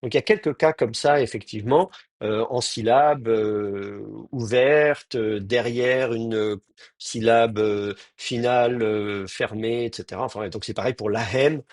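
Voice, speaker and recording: A man's voice: medium pitch, a little slow, no echo, studio quality. A man teaching an advanced class, explaining step by step with many hesitations and fillers. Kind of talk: online class lecture.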